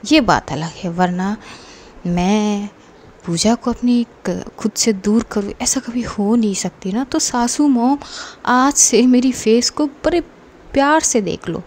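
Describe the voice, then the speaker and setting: A woman's voice: medium pitch, a little mellow, slight background noise, lightly acted. A woman voicing a bold, teasing young woman in love, talking back with playful defiance in a narrated story. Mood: defiant. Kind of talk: narrated story with acted dialogue.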